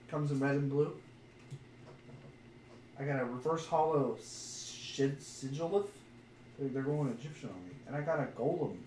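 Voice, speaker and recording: An adult man, father of a young son, co-hosts a podcast and chats casually while opening trading card packs, commenting on the cards in a jokey, crude manner with some wordplay. His voice is a little high with a darkish tone. He sounds off-mic, with roomy echo and faint noise.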